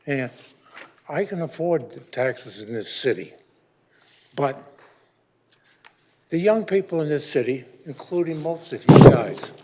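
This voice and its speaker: Older man in his eighties, slow-paced, slightly high-pitched, rambling and grumbling public comment. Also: mellow, slight background noise. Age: 80s. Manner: rambling and grumbling, with frequent restarts. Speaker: public commenter at a city council meeting.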